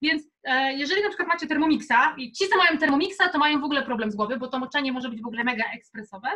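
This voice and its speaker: A young adult woman runs a casual live cooking workshop from her home kitchen, speaking in a high-pitched, very fast voice with a bright, forceful tone. As an instructor she keeps things chatty, informal, and encouraging.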